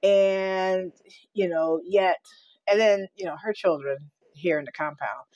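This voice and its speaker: A woman's voice: on the low side, measured pace, darkish tone, no echo, muffled recording. A tired middle-aged woman venting in a casual personal vlog, rambling with sighs and laughs. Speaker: vlogger.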